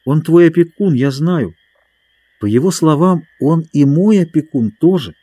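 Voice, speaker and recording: Male reader as timid young girl in boy's disguise, gentle, earnest, raised pitch. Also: animated, a little slow, breathy edge, dry recording, studio quality.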